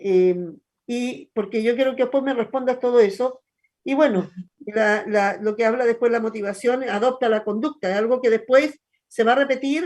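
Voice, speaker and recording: On a church talk show built around teaching chat, a middle-aged pastor with a Chilean Spanish accent shares stories in a halting, conversational manner. She has a slightly high voice with a darkish tone.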